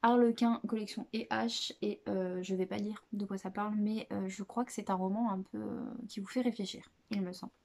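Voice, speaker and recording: A woman presenting books in a casual vlog chat, hesitant and chatty, with many filler pauses and restarts. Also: medium pitch, fairly even intonation, creaky, a little mellow. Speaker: book vlogger.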